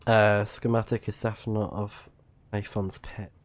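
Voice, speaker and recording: A man livestreams a video game, haltingly reading on-screen text aloud and muttering casual reactions. His voice is lowish with a level tone.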